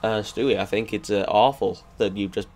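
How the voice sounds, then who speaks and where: A man putting on a dull middle-aged TV pundit, speaking in a slow, halting, low-key way. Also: steady tone, a little mellow, natural voice. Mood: deadpan.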